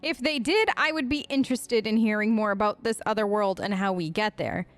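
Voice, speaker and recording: A woman with a mid-range voice talks a little fast over soft background music, with no echo. She hosts a role-play let's play, chatting casually in character in an earnest, playful way as she gives game commentary.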